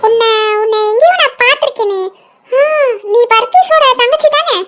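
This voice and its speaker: A fussy, nervous cartoon housewife, played by a woman in a very high, thin voice. She frets and whines over every small worry. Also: normal speed, a bit bright, soft background music. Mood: wary. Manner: high-pitched, fretful, whiny lamenting. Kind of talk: cartoon voice acting.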